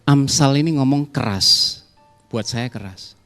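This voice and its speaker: A man's voice: mid-range voice, measured pace. A man preaching a sermon to his congregation in a conversational way, acting out quoted callers in a raised voice. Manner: conversational, addresses the congregation directly. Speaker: pastor. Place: church hall. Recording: reverberant church hall with soft music.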